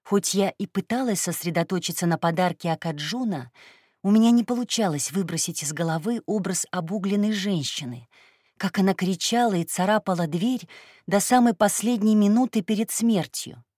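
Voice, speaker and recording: A woman reading a first-person story aloud in a calm, even narration. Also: mid-range voice, normal speed, dry recording, clean studio sound. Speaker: audiobook narrator.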